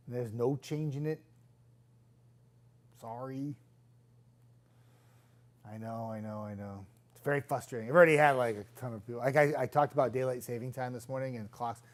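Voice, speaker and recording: A man's voice: medium pitch, moderate pace, pauses often. Chatty, self-deprecating weatherman. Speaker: TV meteorologist. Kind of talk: casual live stream chat reading viewer comments.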